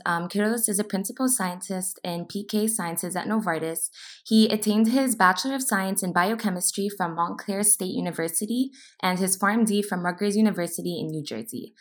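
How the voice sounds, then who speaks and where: A young woman in her twenties co-hosts an interview podcast, reading a clear introduction before posing organized questions. Her pitch is medium and her pace moderate.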